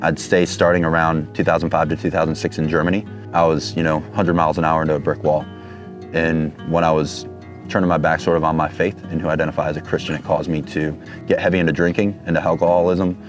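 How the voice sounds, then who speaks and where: A man in his thirties from Detroit, a Marine captain giving an earnest, halting personal testimony. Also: extremely low pitch, little pitch movement, soft background music. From Detroit, Michigan, USA. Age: 30s. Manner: earnest, halting, searching for words.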